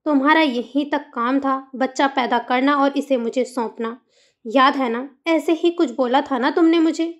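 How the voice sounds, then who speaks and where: A woman's voice: high-pitched, normal speed, highs cut off, close to an everyday voice. A woman voicing a stern young husband who talks in a curt, cold, controlled way.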